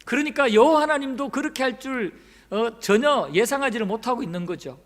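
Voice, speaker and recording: A man's voice: very high-pitched, lively intonation, brisk. A male pastor preaching a sermon, telling the story with dramatic flair and acting out the quoted lines. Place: church sanctuary. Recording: long church hall reverb.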